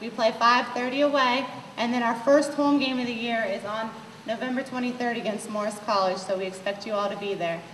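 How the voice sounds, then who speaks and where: A woman's voice: on the high side, steady tone, brisk, fairly bright tone. A woman basketball coach giving an upbeat address to fans, speaking directly to the crowd. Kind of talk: address to fans at a team event. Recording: echoey hall from far off, faint hiss.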